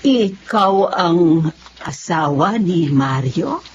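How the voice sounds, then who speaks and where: An actress playing a long-lost older aunt in an audio drama, soft, halting and emotional. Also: female voice, lowish voice, lively intonation, muffled recording, a little hiss or hum. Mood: tearful joy.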